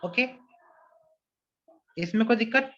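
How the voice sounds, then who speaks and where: A man's voice: extremely high pitch, pushed and bright. A man teaching a physics lesson online. He explains step by step and often asks whether everyone follows. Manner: reads English question text slowly. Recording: dull lo-fi recording.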